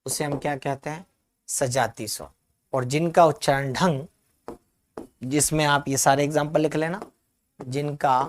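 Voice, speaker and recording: A male teacher leads a live online grammar lesson. He breaks off to reassure students who write in the chat. He then dictates definitions slowly and repeats them phrase by phrase. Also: on the high side, fairly even intonation, a little hiss or hum. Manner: answers chat comments, reassuring.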